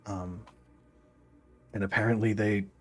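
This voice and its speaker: Slow, husky game master, a man. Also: fairly low pitch, flat delivery, faint music behind. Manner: slow and halting, many fillers and restarts. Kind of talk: narrating a tabletop game.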